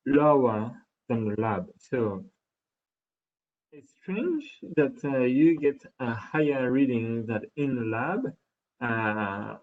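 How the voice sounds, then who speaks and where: A man with a French accent answers questions at the close of a technical webinar. He pauses often and fills gaps with hesitant "uh"s at a middling pitch. The audio is dull and lo-fi. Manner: hesitant, many fillers. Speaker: product specialist presenter.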